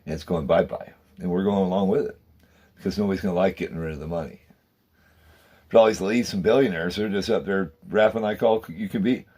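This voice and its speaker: A man's voice: low-pitched, quick pace, darkish tone, slightly rough. A man hosting his own channel, delivering a rambling, fervent monologue and calling out to viewers as guys and man. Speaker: channel host.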